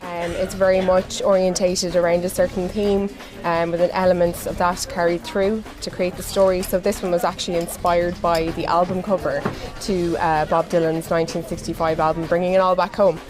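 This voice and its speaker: A woman's voice: fairly low pitch, level tone, normal speed, hardly any pauses. An Irish woman fashion designer giving interview answers about her work. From Ireland. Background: music.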